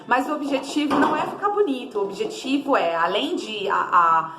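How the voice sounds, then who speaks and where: A woman with a Brazilian Portuguese accent giving casual parenting advice to camera, chatty and repetitive, sometimes slipping into a high sing-song voice to show how to talk to a toddler. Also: lively intonation, normal speed, echoey room, background noise. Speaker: parenting vlogger.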